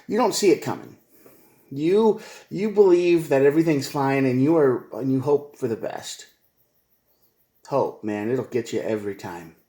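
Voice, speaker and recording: A man's voice: medium pitch, lively intonation, unhurried, dark tone, reverberant. A man giving a casual tarot reading, rambling and repetitive, with slangy asides like "man" and "bro.". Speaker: tarot reader.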